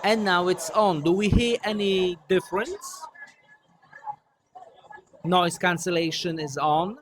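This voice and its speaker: A man testing gear in a casual, halting way, heard through a small clip-on mic with noise cancellation switched on, which leaves processing artifacts on his voice. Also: high voice. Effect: noise reduction artifacts from a wireless mic's noise cancellation. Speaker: gear reviewer. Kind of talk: casual product test. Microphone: small wireless clip-on mic.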